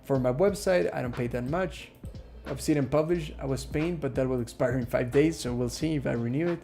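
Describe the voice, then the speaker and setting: A man's voice: medium pitch, brisk, creaky, dark tone, faint music behind. Chatty man hosting a live Q&A. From Ecuador. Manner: chatty, reads out viewer questions, many fillers. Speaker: live stream host. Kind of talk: casual live Q&A.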